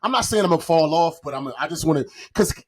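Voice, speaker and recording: Fast and animated, with a slightly high voice, this podcast host keeps things casual, slangy, and self-deprecating in his jokes.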